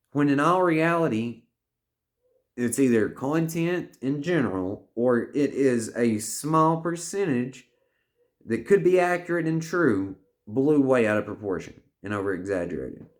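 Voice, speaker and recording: A man in his thirties talking straight to camera, earnest and rambling, often swearing and restarting his sentences as he gives life advice. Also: mid-range voice. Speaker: vlogger giving life advice. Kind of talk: heartfelt personal monologue.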